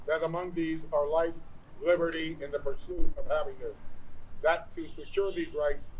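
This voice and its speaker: A man reading a historic document aloud at a ceremony in a measured, solemn manner. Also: a little high, rough recording. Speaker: ceremony reader. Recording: live event, faint background noise.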